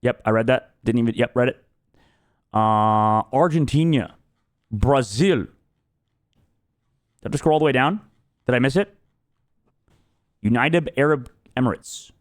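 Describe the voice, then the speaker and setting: A man streaming live, reacting out loud and swearing freely as he thinks aloud. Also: mid-range voice, expressive, normal speed, pauses often. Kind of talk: casual live-stream commentary.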